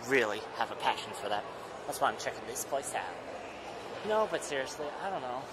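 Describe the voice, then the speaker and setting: A man vlogging casually while walking through a shopping mall, excitable and profane with bursts of loud enthusiasm. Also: mid-range voice, a little fast. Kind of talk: casual vlog narration. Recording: loud mall ambience, noisy.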